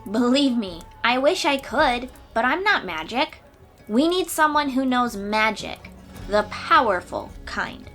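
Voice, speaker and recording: Over background music, a woman voices an eager, self-assured young warrior from the sea in a fantasy roleplay. Her fairly high voice is sing-song, pushed and bright, delivered at a measured pace with heavy acting. She addresses the listener informally and expressively, earnest and full of determination.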